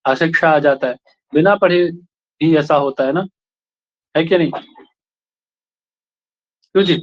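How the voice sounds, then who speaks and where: A man from India teaching a class, explaining points and checking in with the students with short questions. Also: a little high. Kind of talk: classroom lecture. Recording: lo-fi classroom recording.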